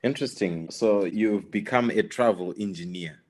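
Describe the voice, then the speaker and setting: A man's voice: on the low side, moderate pace, darkish tone. A man hosting a business podcast, reading formal introductions and asking polite, upbeat questions. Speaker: podcast host. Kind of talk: scripted host introduction and questions.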